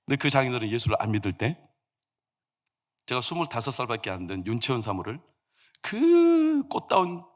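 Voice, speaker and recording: A man's voice: mid-range voice, huge pitch swings, unhurried, pauses often. A man, the senior pastor, preaching a sermon in a church sanctuary and telling stories with humor and acted quotes.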